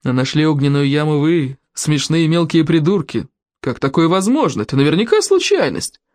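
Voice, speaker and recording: An audiobook narrator voicing a pompous, self-important adult male adventurer who whines in drawn-out, boastful phrases. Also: medium pitch, very animated, darkish tone, natural voice. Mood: indignant. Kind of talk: audiobook character reading.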